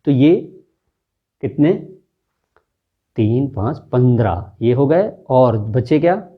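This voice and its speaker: A man teaching a lesson, talking slowly and deliberately and sounding out syllables one by one to demonstrate. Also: mid-range voice, expressive, husky, narrow, tinny audio. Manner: slow, deliberate, repeats syllables aloud for demonstration. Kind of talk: classroom-style lesson.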